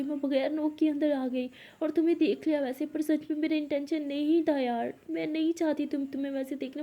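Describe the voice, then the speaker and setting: A woman voicing a proud, hot-tempered young college woman, curt and scolding at times, soft and coaxing at others, in a storybook reading. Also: high-pitched, muffled recording, voice pushed up, natural voice.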